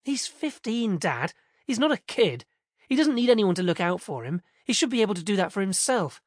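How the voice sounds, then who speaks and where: A man reading an audiobook, voicing a sharp-tongued, sulky teenage girl who sounds scornful and whiny. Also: high voice, big pitch swings, a little fast, dry recording, studio quality, voice pushed up. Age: teen. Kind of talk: audiobook character voice.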